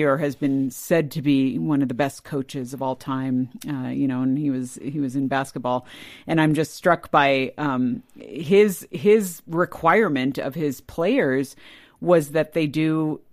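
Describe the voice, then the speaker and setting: A man hosts a casual podcast conversation. His voice sits a little high for a man, and he talks loosely, with fillers and quick murmurs of agreement. The sound is close and dry. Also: no room sound. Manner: relaxed, full of fillers and frequent listening murmurs. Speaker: podcast host. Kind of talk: casual interview chat.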